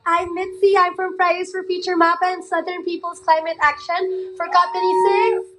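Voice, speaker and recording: A woman hosts a rally from the stage. Her voice is very high and strained. It sounds hoarse and raspy, as if nearly gone. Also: level tone, normal speed, fairly bright tone. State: voice nearly lost. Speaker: rally host. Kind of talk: public rally address. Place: outdoor climate rally stage.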